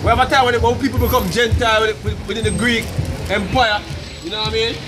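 A man's voice: very high-pitched, fairly even intonation, fast, background noise. A man in his thirties with a Jamaican accent, preaching insistently on a city street at night, often adding "you know what I mean" and "man". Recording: street crowd and music behind.

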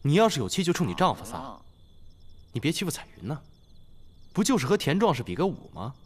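An actor playing a good-natured young husband in a historical TV drama who speaks in a coaxing, soothing way. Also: male voice, a little high, very animated, brisk, husky.

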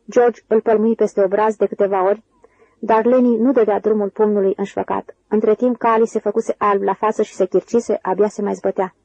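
A woman narrating a novel as an audiobook reader, in an even, measured way. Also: medium pitch, dry recording, lo-fi sound.

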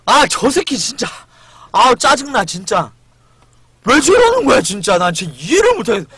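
High-pitched man yelling in irritation. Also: sing-song, moderate pace, husky, no echo. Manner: swearing, shouting "get lost" over and over. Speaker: streamer. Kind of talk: live game stream chat.

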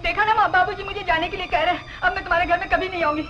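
A woman playing a proud, headstrong young married daughter, talking in a sharp, indignant, defiant way in 1960s film drama dialogue. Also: very high-pitched, fairly even intonation, racing, muffled recording, slight background noise. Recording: film soundtrack with faint music.

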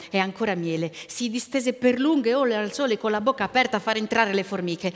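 A woman narrating a folk tale live on stage, with expressive, shifting delivery. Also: medium pitch. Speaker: storyteller. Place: live performance in a convent hall. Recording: long reverb of a stone hall.

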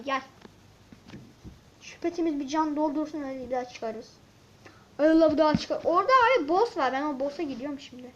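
A woman giving casual let's-play commentary, excitable and grumbling as she talks to viewers and the game. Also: sits high. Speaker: gaming channel host. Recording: dull lo-fi mic with faint hiss and clicks.

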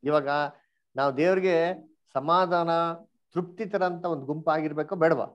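A man leads an online Bible study, quizzing his listeners and dropping English words into his speech. His voice sits a little high for a man. The call audio is dull and lo-fi. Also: moderate pace. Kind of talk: online Bible class teaching.

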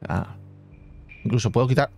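A man talks his way through a building game in relaxed, chatty commentary, thinking aloud and filling pauses with hummed sound effects. His voice sits at an ordinary middle pitch. Faint game music plays underneath. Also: gravelly. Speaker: gaming channel host. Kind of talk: casual let's-play commentary.

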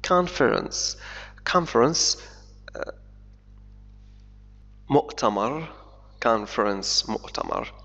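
A man teaching English who reads a news article slowly, word by word, then explains it in Arabic, pausing often and correcting his own slips. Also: mid-range voice, gravelly, fairly bright tone. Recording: dull lo-fi sound with long reverb.

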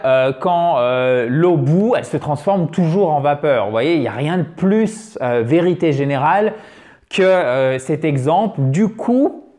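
Upbeat male English tutor for video lessons, chatty, slightly high voice, slows down to model words. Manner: lively, chatty, checks in with frequent "ok?". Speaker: English teacher. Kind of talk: online language lesson.

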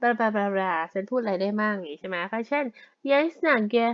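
A woman teaching a language lesson in a relaxed, casual way, explaining words one at a time. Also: mid-range voice, rapid-fire, no echo, lo-fi sound.

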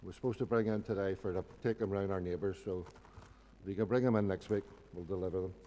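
Low-voiced Northern Irish man in a reverberant hall. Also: fairly even intonation, fast talker, warm tone. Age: middle-aged. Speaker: church announcer. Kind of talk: informal church announcements. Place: indoor church hall at a lectern. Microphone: gooseneck lectern microphone.

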